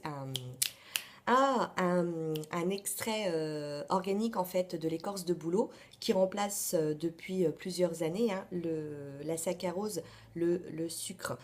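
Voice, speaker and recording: A woman's voice: fairly low pitch, a little mellow. A woman in her thirties chatting through her monthly beauty favorites, with lots of hesitations and asides. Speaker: beauty vlogger. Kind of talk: casual beauty favorites vlog.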